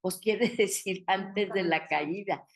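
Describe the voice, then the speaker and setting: Maestra de estudio bíblico, mujer con acento mexicano, habla pausada y hace preguntas al grupo. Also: female voice, mid-range voice. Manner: explains patiently, asks the group questions. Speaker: Bible study teacher. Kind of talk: Bible study teaching.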